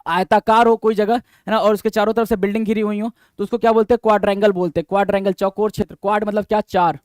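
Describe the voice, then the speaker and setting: A man's voice: high voice, level tone, clean tone, dry recording. A man teaching exam vocabulary in a lecture style, repeating each point and quizzing the viewers. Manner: repetitive, addresses viewers as "bhai", quizzing questions; reads English definitions slowly, then explains.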